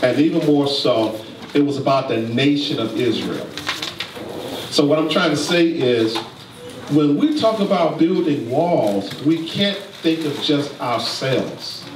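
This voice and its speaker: A man's voice: fairly high pitch, lively intonation. A man pastor giving a church leadership talk, urging the congregation to answer back in a preacherly way. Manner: preacherly, slow emphatic asides, prompts the congregation. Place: church sanctuary. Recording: echoey church room, distant mic, noisy.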